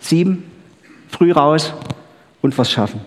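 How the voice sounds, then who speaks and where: A man's voice: a little high, lively intonation, takes it slowly. A man preaching a chatty sermon, often checking in with the crowd with "gell?" and "ha?". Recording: long hall reverb.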